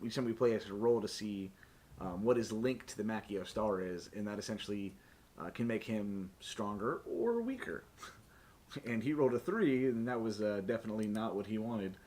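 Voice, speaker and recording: With an animated, lowish and slightly mellow voice at normal speed, a man runs a tabletop game stream as game master. His talk is casual, profane and full of jokes and laughter.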